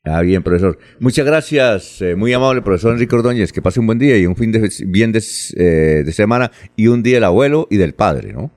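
A man's voice: lowish voice, lively intonation, a little fast, few pauses, darkish tone, no echo. A man hosting a radio show, reading a listener's question politely with hesitant fillers. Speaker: radio host.

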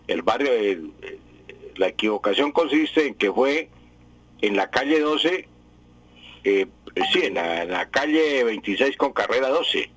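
A man's voice: medium pitch, fairly bright tone, slightly rough, no room sound, rough recording. A man explaining correct word usage on a radio show, patient and repetitive, often correcting himself. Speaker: language expert on a radio news show. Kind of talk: radio language advice segment.

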